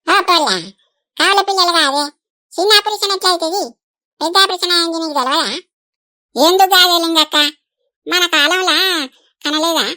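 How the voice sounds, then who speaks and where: Woman doing a high bright village aunty in a cartoon, fussy and chatty. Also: normal speed, pauses often. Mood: chiding chat. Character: talkative older village woman, fretful and caring. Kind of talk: animated village comedy voice acting.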